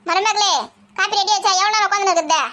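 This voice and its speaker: A sharp-tongued mother-in-law, played by a woman in a homemade village family skit. She scolds and taunts in a very high, bright voice and talks fast. Her retorts come quick and pointed. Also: fairly even intonation. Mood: taunting.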